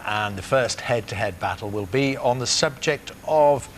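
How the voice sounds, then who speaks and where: A man's voice: medium pitch, noisy background. A man hosting a television quiz show, reading questions and chatting with contestants in an upbeat way. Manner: brisk, upbeat, with frequent "uh" fillers. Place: television studio.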